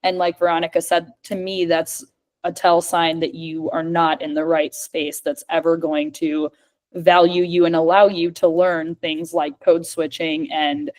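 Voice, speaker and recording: This woman, a communication coach and speech-language pathologist, chats casually over a video call while fielding questions, sprinkling "like" throughout. Her low voice has a darkish tone and a flat delivery, and she's unhurried.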